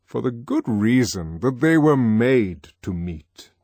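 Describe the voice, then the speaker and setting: A man reading an audiobook voices a lofty male controller lecturing students in measured, pointed pronouncements. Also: medium pitch, big pitch swings, darkish tone, dry recording, clean studio sound, exaggerated voice. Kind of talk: audiobook character voice.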